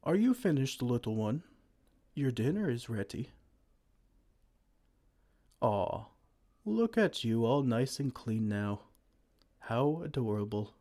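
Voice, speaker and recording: A man voices a gentle, kind giant looking after a tiny human for an ASMR roleplay. He speaks slowly in a mellow, dark, expressive tone, using tender pet names. His pitch rises and falls warmly, keeping everything soft and soothing.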